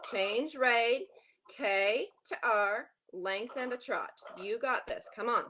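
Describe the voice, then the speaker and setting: A woman coaching a horse riding lesson, projecting brisk, urgent, repeated short commands with encouragement. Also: on the high side, sharp tone, slight background noise.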